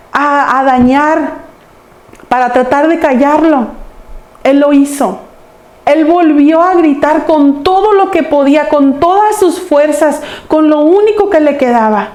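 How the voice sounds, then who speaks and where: Woman preacher, high mellow voice, earnest sermon delivery, roomy church echo. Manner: earnest storytelling preaching, addressing the congregation. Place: church sanctuary.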